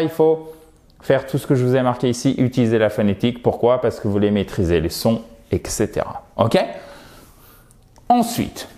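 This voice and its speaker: In a casual spoken lesson, a French-accented man teaches English pronunciation in a medium-pitched voice. He is lively, exaggerates the sounds, and frequently checks in with his learners.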